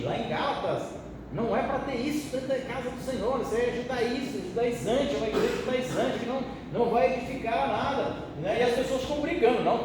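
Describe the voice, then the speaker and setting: A pastor from Brazil teaching a Bible study in a colloquial, joking way and asking his listeners questions. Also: very high voice. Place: church hall. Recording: echoey hall, distant mic, background noise.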